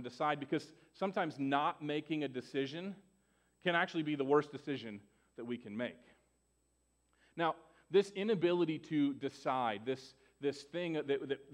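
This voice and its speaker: A pastor in his forties giving a sermon in church, conversational, often asking "right?" and restarting his sentences. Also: medium pitch. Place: church sanctuary.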